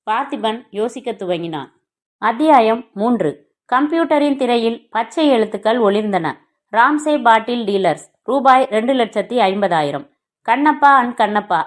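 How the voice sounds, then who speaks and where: A woman narrating a crime novel as an audiobook, reading the dialogue of every character herself. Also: fairly high pitch.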